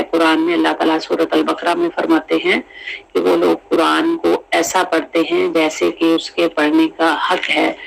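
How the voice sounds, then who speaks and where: This is a recitation teacher leading a tajweed lesson with a heavily gravelly, creaky voice. The delivery is unhurried and deliberate, and single syllables are drilled over and over with English teaching words mixed in. The pitch sits in an ordinary middle range. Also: a little hiss or hum, poor audio. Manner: drills syllables slowly, repeating each sound many times; mixes in English teaching terms.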